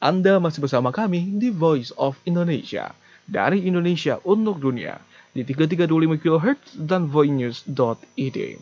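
A male station announcer speaks in a measured, polished broadcast delivery, his voice sitting a little high for a man. It comes through with the dull, muffled tone of an AM radio broadcast, with the top end cut away. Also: animated, a little mellow, soft background music.

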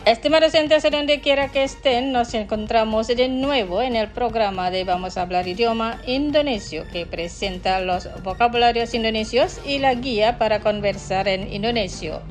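A woman hosting a scripted radio language lesson, pronouncing words slowly and carefully for listeners to repeat. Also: a little high, faint music behind. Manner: slow, careful pronunciation.

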